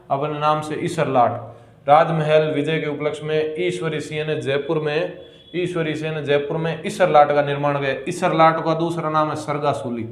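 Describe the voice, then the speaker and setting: A man with a Rajasthani accent giving a history lecture for exam students, repeating key words slowly and asking questions he answers himself. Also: on the high side, echoey room. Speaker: exam coaching teacher.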